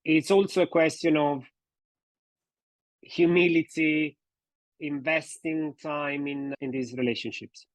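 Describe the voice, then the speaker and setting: A man hosting a podcast who asks clarifying questions in a polite, measured way. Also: a little high, steady tone, no room sound. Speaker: podcast host, couples therapist.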